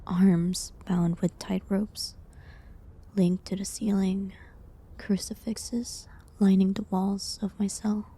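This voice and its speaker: In a dramatic audio roleplay, a woman plays a gentle, sorrowful village herbalist condemned as a witch. Her medium-pitched voice comes out hushed, breathy and halting.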